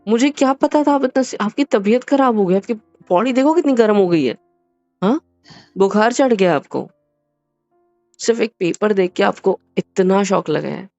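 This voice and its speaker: A man's voice: high-pitched, normal speed, creaky, a little mellow, no echo, dull audio, soft background music. A man voicing a young husband in a romantic audio drama, soothing and apologizing with coaxing reassurance. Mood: tender. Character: young husband, gentle and apologetic after a prank.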